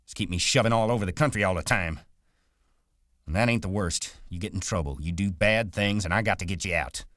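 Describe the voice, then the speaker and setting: A man with a deep voice voicing an irritable, hot-tempered migrant worker who scolds in quick, exasperated bursts. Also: dry recording, studio quality, close to an everyday voice. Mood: furious.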